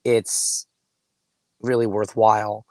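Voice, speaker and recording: A man hoarse with laryngitis, sounding muffled, gives casual coaching advice in deliberate, emphatic phrases, now and then clearing his throat. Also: on the low side, level tone, darkish tone, dry recording, clean studio sound. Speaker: dating coach and host. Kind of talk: casual straight-to-camera advice talk.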